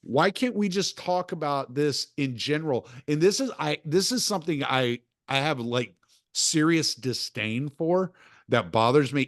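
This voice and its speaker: A man hosting a casual interview podcast, talking in an opinionated, lively way. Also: medium pitch, no room sound, studio quality. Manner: opinionated, animated when quoting others. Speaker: podcast host. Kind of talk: casual conversation.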